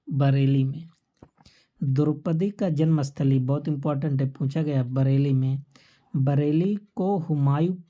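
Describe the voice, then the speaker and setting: A woman's voice: low voice, dark tone, muffled recording. A woman teaching an exam-prep lesson, asking questions and answering them herself while repeating the key facts to memorize. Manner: quizzes listeners and answers her own questions.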